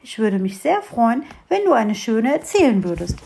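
Woman doing a high, eager little fir tree. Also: big pitch swings, normal speed, vocal fry. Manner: eager, curious, bright-voiced. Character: small cheerful young fir tree, curious. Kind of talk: storybook reading.

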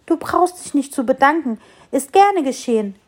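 A woman's voice: high-pitched, lively intonation, moderate pace, pitched above the performer's own voice. A woman voicing a small sparrow in a children's story, explaining eagerly in a raised voice. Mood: earnest. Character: small chirpy sparrow, earnest.

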